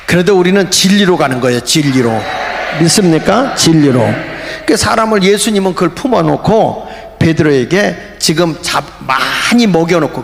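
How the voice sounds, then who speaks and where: Male pastor, fervent revival preacher with a raised, rough voice, recorded in a reverberant retreat hall. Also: high-pitched. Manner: fervent, shouting at peaks, jokey asides. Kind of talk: revival sermon. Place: large prayer retreat hall. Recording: echoey hall with faint ambience.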